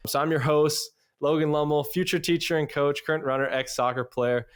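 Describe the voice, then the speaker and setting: A man's voice: fairly high pitch, fairly even intonation, fairly quick, clear, resonant tone. A young man hosting a podcast, introducing guests and segments in an upbeat, slightly rambling way. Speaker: podcast host.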